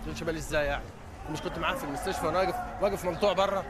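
A man's voice: fairly high pitch, rapid-fire, very noisy, close to an everyday voice. An actor with an Egyptian accent playing a jealous, resentful husband who needles his wife on a city street. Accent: Egyptian Arabic. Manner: needling, sarcastic. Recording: street with crowd and music.

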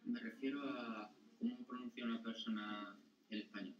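Soft-spoken male student far away. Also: medium pitch, steady tone, normal speed, soft background music. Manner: hesitant questioning, soft. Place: classroom. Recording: distant echoey lo-fi classroom sound.

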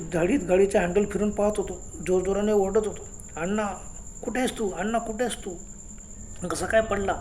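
A man telling a first-person ghost story in a hushed, dramatic way, often dropping to a near whisper. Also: sits high, slight background noise. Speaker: horror storyteller and channel host.

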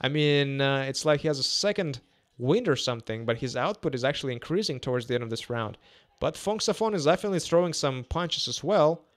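A native Russian speaker in his twenties with a Russian accent gives casual live boxing commentary, often hesitating and repeating himself. His voice is on the high side, animated, and brisk. He's in a small indoor room, close to a boom-arm podcast mic.

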